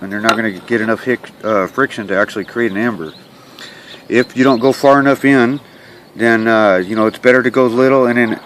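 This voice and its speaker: A man giving a hands-on how-to demonstration in a plain-spoken, instructional way, often checking in with a quick okay. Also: mid-range voice, fairly bright tone. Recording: clear ambient and handling noise.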